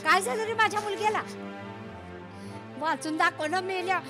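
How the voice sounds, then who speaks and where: Anxious old village grandmother, pleading and tearful, very high thin voice, film music behind. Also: normal speed. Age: older. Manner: pleading, then tearful and scolding. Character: anxious old village woman, quick to tears and scolding. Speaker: villager waiting for her son's letter.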